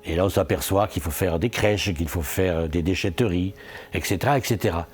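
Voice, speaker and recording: Talking a little fast in a low voice, a man gives promotional interview testimony about what his community has achieved. As an elected local official, he earnestly raises his own questions and supplies the answers.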